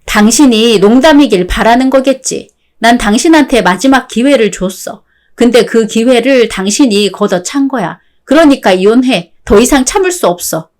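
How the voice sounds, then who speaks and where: A synthetic woman's voice playing a fed-up wife, calm, sarcastic, firm, radio-drama style, slightly high voice. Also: normal speed, natural voice. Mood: cutting. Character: fed-up wife, cool and cutting.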